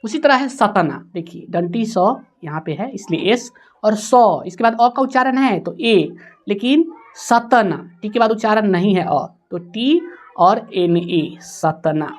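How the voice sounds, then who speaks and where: A woman teaching a spelling lesson, slowly sounding out words letter by letter. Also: medium pitch, animated.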